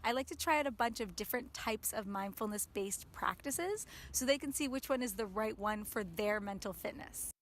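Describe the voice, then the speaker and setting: Answering interview questions, a mindfulness teacher explains things calmly and often opens with "um" or "so." Her voice sits a little high, and she keeps a moderate pace with hardly any pauses.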